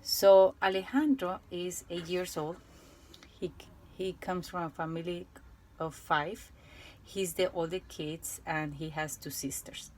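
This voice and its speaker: A woman teacher from Colombia with a Colombian Spanish accent, Spanish her first language, reading a prepared report in a careful, halting way with restarts and fillers. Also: fairly low pitch, darkish tone, rough recording.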